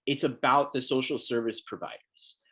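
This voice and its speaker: A man's voice: mid-range voice, fairly even intonation, normal speed, a bit bright, husky. A man, a filmmaker, talking casually in an online panel, blunt and passionate, often repeating words as he goes.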